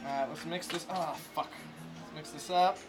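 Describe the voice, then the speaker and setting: A man hosting a casual live cooking stream, loose and excitable, swearing freely and reading viewer comments aloud. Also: fairly high pitch, moderate pace, over music.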